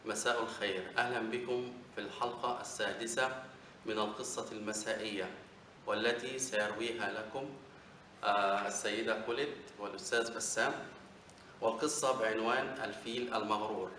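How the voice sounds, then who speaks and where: A man teacher reading a children's bedtime story aloud in a measured, formal way. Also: lowish voice, steady tone, bright, forceful tone. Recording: echoey room, distant mic, faint noise.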